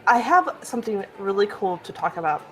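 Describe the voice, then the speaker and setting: A woman's voice: medium pitch, sing-song, brisk, a bit bright, poor audio. A woman playing a tabletop role-playing game, asking eager, stumbling questions in character. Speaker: player.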